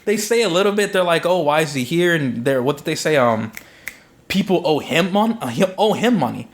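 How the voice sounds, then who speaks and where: A man's voice: on the high side, fairly quick. A young man co-hosting a podcast, chatting casually about a film, acting out reactions and swearing freely. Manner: animated, acts out reactions, swears. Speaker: podcast co-host. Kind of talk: casual film review chat.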